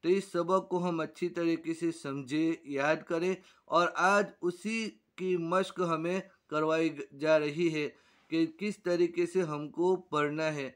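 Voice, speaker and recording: Male teacher, fairly high voice, slow and drilling, repeats every word. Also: steady tone, a bit bright. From Gujarat, India. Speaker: Urdu teacher. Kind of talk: reading-primer lesson.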